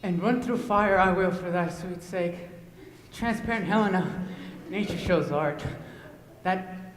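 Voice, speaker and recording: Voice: mid-range voice, a little slow, natural voice. A teenage student playing a rash young male lover in a school stage play, speaking earnestly from a distant mic in an echoey hall. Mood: ardent. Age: teens. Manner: earnest declamation with stumbles. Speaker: student actor. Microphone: distant room mic.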